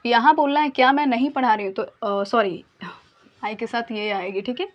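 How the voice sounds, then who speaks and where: A woman with a high voice teaches English grammar in Hindi. She explains each point patiently and slowly repeats her example sentences. The recording sounds a little dull and lo-fi.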